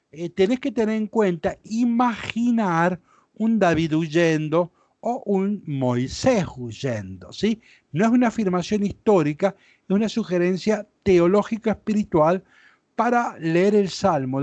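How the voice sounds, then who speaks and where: A man's voice: high voice, a little mellow, dry recording. A man with a Rioplatense Spanish accent, a priest teaching a Bible class, explaining patiently and often checking that listeners follow. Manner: explanatory, frequent checks like ¿sí? and ¿ven?.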